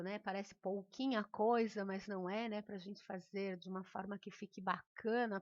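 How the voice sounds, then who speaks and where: A woman's voice: mid-range voice, dry recording, dull audio. A woman teacher with a Brazilian accent, giving a recorded remote lesson in a patient, encouraging way and often checking in with her students. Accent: Brazilian Portuguese.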